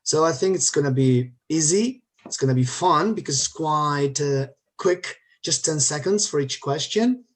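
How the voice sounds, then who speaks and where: A man's voice: a little high, animated, normal speed, few pauses. A man on a video call, hosting a quiz game for students as their teacher, upbeat and coaxing everyone to join in. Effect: heard over a video call. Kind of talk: casual online meeting talk.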